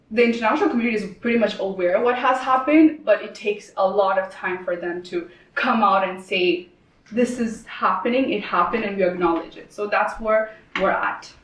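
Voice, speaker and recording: A woman from Sri Lanka answering as a roundtable guest, halting, with many fillers and restarts. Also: mid-range voice. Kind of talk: conversational interview answers. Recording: echoey room, distant mic.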